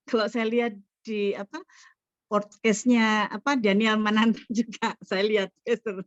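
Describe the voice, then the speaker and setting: A woman moderating a prayer meeting over a video call, speaking softly with pauses. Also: mid-range voice, little pitch movement, dry recording. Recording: dull lo-fi video call audio.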